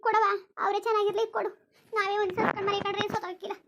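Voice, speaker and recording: A woman's voice: extremely high pitch, flat delivery, racing, noisy background. A woman voicing a poor, weary village mother of four who pleads and reproaches, for a cartoon. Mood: pleading.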